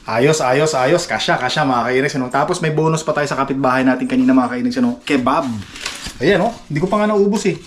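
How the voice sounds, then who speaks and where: A man's voice: mid-range voice, quick pace. A man from the Philippines, chatting to his viewers in a playful, boastful, joking way, often breaking into laughter. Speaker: vlogger. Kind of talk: casual home vlog chat. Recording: faint background noise.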